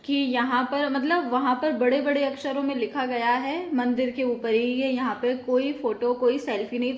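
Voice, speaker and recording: A woman's voice: high voice, echoey room, highs cut off. Chatty woman vlogging at home. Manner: chatty, explains with many fillers. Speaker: vlogger host. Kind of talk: casual vlog chat. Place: home balcony.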